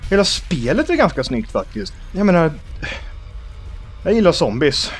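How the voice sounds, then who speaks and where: A young Swedish man hosting a let's play, joking about himself and yelling in panic at enemies. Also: a little high, sing-song. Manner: jumpy, self-mocking, shouts in panic at enemies. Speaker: gaming channel host.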